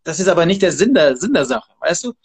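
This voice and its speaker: A man's voice: on the high side, sing-song, quick pace, breathy edge. A man, a martial arts trainer and guest, talking casually in an interview in an emphatic, motivational way.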